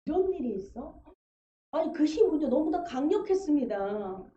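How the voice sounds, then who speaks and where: A woman's voice: high-pitched, very animated, normal speed, mellow, a little hiss or hum. A woman preaching a testimony sermon in a church, telling her story vividly and acting out the voices she quotes. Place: church sanctuary. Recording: echoey church livestream, dull sound.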